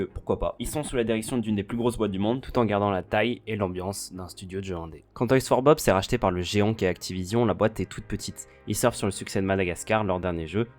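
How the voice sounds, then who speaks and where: A man's voice: fairly low pitch, a little mellow. A man narrating a video essay from a script in a chatty, slangy way, speaking straight to the viewer. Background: faint background music.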